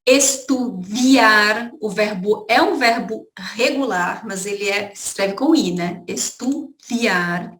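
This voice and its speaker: A Brazilian woman teaches an online Spanish class, explaining points and checking in with her students, repeating herself with "tá?" and "gente". Her mid-range voice moves at a measured pace with hardly any pauses, and the sound is roomy.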